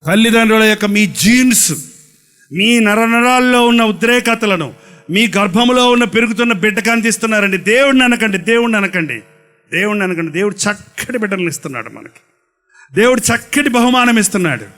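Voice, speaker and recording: A man's voice: sits high, animated, fairly quick, fairly bright tone. A male pastor preaching a sermon, full of rhetorical questions and emphatic repetition.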